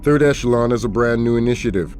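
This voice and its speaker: A man playing a composed, authoritative intelligence colonel in a video game, measured and businesslike. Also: medium pitch, darkish tone, faint music behind, lightly acted. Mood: collegial, businesslike. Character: composed, authoritative male colonel running covert operations. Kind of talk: video game cutscene acting.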